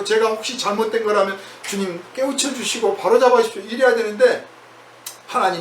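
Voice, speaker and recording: A male pastor preaching in a conversational way, acting out prayers in quoted voices. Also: high-pitched. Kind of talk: sermon. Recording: echoey hall from far off, faint noise.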